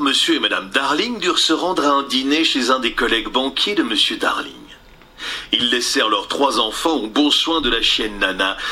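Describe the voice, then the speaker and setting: A man narrating a fairy tale in a lively way, addressing the listener directly. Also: medium pitch, a little hiss or hum. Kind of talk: storybook narration.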